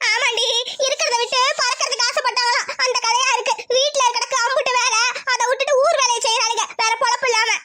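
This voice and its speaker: A woman's voice: extremely high pitch, fairly even intonation, quick pace, hardly any pauses, noisy background. A woman voicing a bossy old village grandmother in a cartoon who nags about chores. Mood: nagging. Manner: scolding, sharp nagging.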